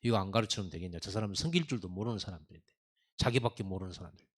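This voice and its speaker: A middle-aged man preaching a sermon, animated and chatty, with laughing asides. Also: low-pitched, racing. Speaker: pastor.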